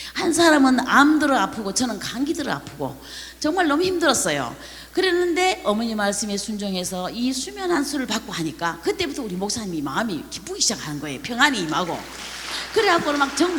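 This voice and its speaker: An older woman, a pastor's wife giving a heartfelt, animated church testimony in a large worship hall. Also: on the high side. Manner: animated, heartfelt storytelling with laughs. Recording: long hall reverb.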